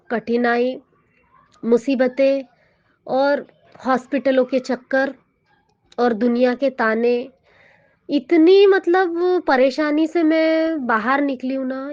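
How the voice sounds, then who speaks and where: A woman's voice: fairly high pitch, a little mellow. A woman giving an earnest, emotional personal devotional testimony, often addressing her listeners directly. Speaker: devotee sharing her experience. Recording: dull, dry lo-fi audio.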